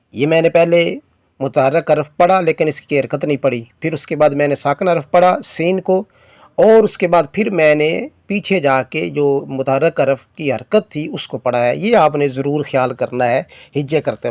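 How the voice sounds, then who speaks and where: A man teaching Quran reading, patiently explaining rules and spelling out letters slowly. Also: a little high, darkish tone, no room sound. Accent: Pakistani Urdu. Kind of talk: spelling-out lesson, slow drawn-out recitation of letters.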